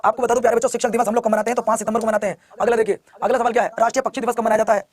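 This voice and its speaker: Man, online exam coach, very high voice, rapid-fire, repeats questions, coaxing live class. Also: little pitch movement. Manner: rapid, repeats questions, coaxes students to answer. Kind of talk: live class quizzing students.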